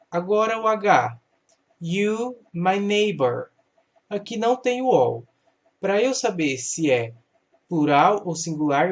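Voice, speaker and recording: A man teaching an English grammar lesson step by step, patiently asking questions and answering them himself. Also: a little high. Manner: patient, explains slowly, asks and answers his own questions.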